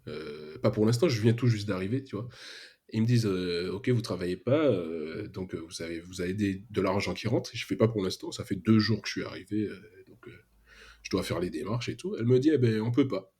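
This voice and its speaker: With a brisk, slightly rough, darkish voice on the low side, a young podcast guest from Martinique relates his story casually. He works as a freelance web developer and has an Antillean French accent, with lots of slang and hesitation.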